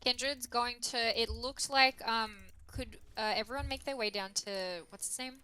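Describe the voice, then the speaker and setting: A woman's voice: fairly high pitch, fairly even intonation, normal speed, pushed and bright, slight background noise, rough recording. A woman gaming with friends on voice chat, joking and swearing in casual banter. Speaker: gamer.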